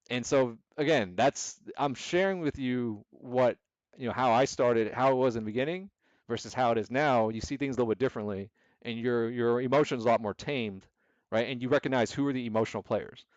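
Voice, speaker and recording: A man's voice: mid-range voice, no room sound. A man hosting an investment club stream in casual, rambling talk. He often repeats himself and acts out panicky traders. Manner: rambling, repetitive, restarts often, acts out quoted emotional traders. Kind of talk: casual livestream market commentary. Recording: dry, slightly dull home mic sound.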